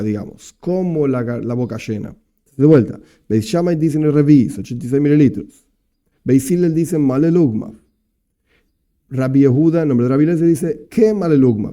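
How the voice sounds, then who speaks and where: A man with an Argentine Spanish accent, teaching a Talmud lesson as a rabbi, explaining step by step and reading Aramaic phrases slowly. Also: medium pitch, warm tone.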